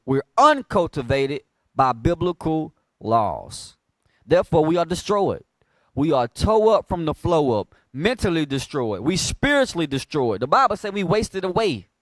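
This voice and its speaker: A man preaching at a Bible class, drawing answers from a reader. His voice sits a little high and is close and dry, and he swings from quiet low asides to loud emphatic bursts. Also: no room sound. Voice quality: call-and-response delivery, prompting a reader. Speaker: teacher.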